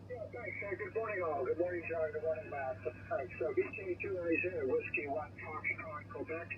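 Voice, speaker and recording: A man's voice: fairly high pitch, moderate pace. A man making a polite amateur radio contact over a crackly two-way link. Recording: muffled distant radio, loud static.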